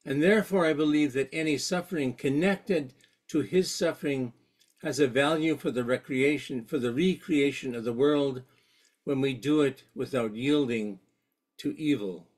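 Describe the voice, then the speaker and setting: A man giving an earnest, reflective faith talk at a parish session, reading quotations aloud with halting restarts. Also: mid-range voice, darkish tone.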